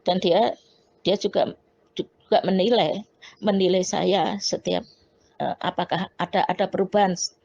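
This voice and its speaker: A woman's voice: lowish voice, fairly even intonation, a little slow, gravelly, pauses often, darkish tone. A woman, telling a personal testimony with quoted dialogue and frequent restarts. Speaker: testimony speaker. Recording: dull lo-fi recording.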